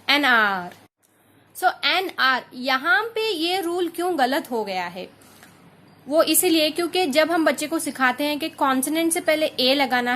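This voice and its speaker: Indian lady teaching grammar, high voice, slows right down on examples. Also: fairly bright tone. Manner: patient, spells out examples slowly. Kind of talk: explaining English grammar lesson.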